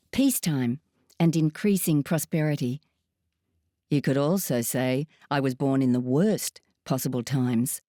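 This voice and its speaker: Female narrator, lowish mellow voice, dry close recording, measured memoir reading. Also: dry recording. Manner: measured, steady storytelling. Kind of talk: scripted first-person narration.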